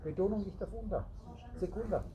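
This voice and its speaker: A man's voice: high voice, moderate pace, very noisy. A man lecturing a small group as a spiritual teacher, rambling and playing on the roots of words while speaking straight to his listeners. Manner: rambling, wordplay on word roots, addresses listeners directly. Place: meeting room with a small group. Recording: recorded amid a chattering group.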